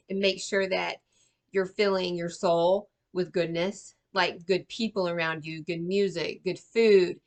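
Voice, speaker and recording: A woman's voice: on the low side, creaky, a bit bright. Chatty woman giving a tarot reading. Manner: chatty, reassuring, many fillers and tag questions. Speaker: tarot reader. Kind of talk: casual tarot reading for viewers.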